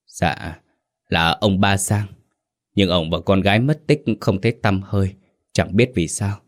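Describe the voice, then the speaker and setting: A man's voice: low voice, measured pace. A man voicing a nervous old male fish farmer who stammers and pleads in a ghost story. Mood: frightened.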